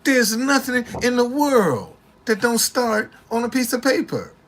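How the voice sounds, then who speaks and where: A man in his late sixties talks casually to the camera with slangy street swagger, his voice very high and unhurried. He keeps repeating himself in animated, indignant retorts.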